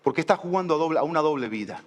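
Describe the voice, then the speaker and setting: Male pastor, high voice for a man, deliberate emphatic sermon delivery with rhetorical questions, recorded in a church with long reverb. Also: animated. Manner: reads scripture aloud and asks the congregation rhetorical questions. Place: church sanctuary.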